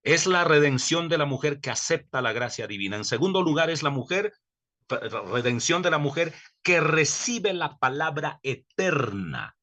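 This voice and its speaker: A middle-aged man teaching a recorded theology lecture, earnest and emphatic, slowing down to stress key words and correcting himself as he goes. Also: on the high side, animated, sharp tone. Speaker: theology professor.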